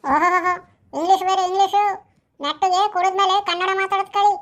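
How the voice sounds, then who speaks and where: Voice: extremely high pitch, fairly even intonation, fast talker. A performer playing a village wife who mocks and scolds her drunken husband in a comic skit. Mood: mocking, scolding. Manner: sharp, mocking, scolding.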